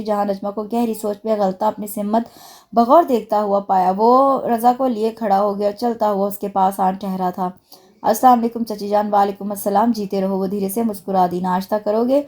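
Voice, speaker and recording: Woman narrating a novel, mellow voice. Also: mid-range voice. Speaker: audiobook narrator. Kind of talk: dramatic novel reading.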